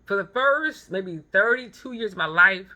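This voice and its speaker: The highs are cut off in this clip of a vlogger and photographer in her thirties. Her mid-range voice is pushed and bright with lively intonation at a normal speed as she gives a blunt motivational monologue, drawing on anecdotes and repeating phrases for stress.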